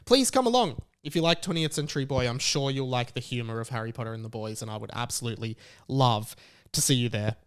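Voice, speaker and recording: Quick-paced and clear, with a resonant tone at medium pitch, a young Australian man delivers a solo podcast monologue. His style is casual, chatty and emphatic.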